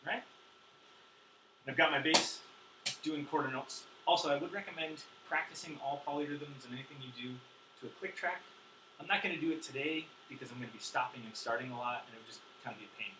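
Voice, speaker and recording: A caffeine-wired drum teacher gives a loose, chatty lesson, counting beats out loud with plenty of ums. He talks fast in a mid-range voice over background noise.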